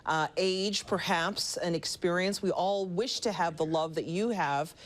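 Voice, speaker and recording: A woman's voice: fairly low pitch, unhurried. A woman interviewing a guest in a conversational, admiring and effusive way, often feeling for her phrasing.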